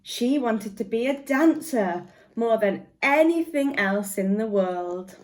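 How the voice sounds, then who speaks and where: With a slightly high voice and an unhurried delivery, a female guest reader reads a picture book to young children, giving it an expressive, storytelling feel.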